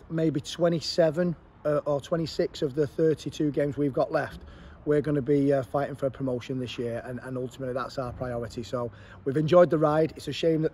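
A man's voice: medium pitch, a little hiss or hum. A man in his forties with an English accent, a football manager giving an earnest post-match interview outdoors at a ground, repeating words as he thinks.

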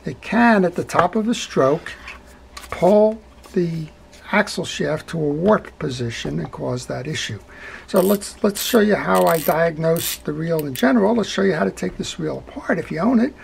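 At an indoor workbench, a talkative middle-aged man walks through repairing a fishing reel one step at a time, folksy in manner and regularly asking "right?" His fairly high voice is expressive and creaky, moving at a moderate pace. There's slight background noise.

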